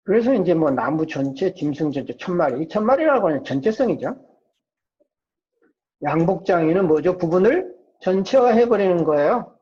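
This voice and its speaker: A psychology professor with a warm voice that sits high gives an informal lecture at moderate speed, his intonation lively. Throwing out rhetorical questions, he answers each one himself, captured on a dull, muffled lo-fi recording.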